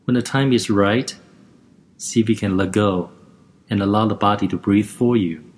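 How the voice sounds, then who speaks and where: Speaking at a normal pace in a lowish voice, a man guides a lying-down relaxation and breathing exercise. His step-by-step instructions are gentle, calm and even.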